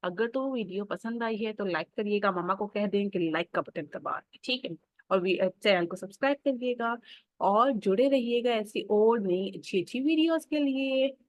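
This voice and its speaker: A woman with a Pakistani Urdu accent teaching young children their letters, sounding each one out slowly and coaxing them to read along. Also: medium pitch, dry recording. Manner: slow, drawn-out sounding out of letters; coaxing, addresses children directly. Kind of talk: children's phonics lesson.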